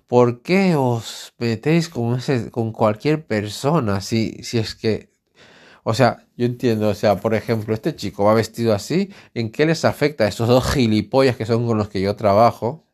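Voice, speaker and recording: A man's voice: mid-range voice, normal speed, a little mellow. A man with a Spanish accent from Spain, hosting a casual solo podcast from home, talking in a rambling, candid and outspoken way. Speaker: podcast host. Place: alone at home.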